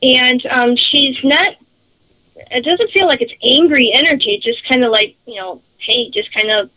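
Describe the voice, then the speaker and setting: A woman guest talking casually on a radio interview, halting as she searches for words. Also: high-pitched, sharp tone, low-quality recording. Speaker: psychic medium guest on radio show.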